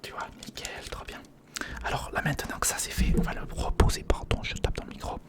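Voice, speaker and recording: Breathy, unvoiced whispering comes from an ASMR creator positioned close to a sensitive recorder microphone, moving a little fast. He walks the listener step by step through a hands-on build in an informal, reassuring way.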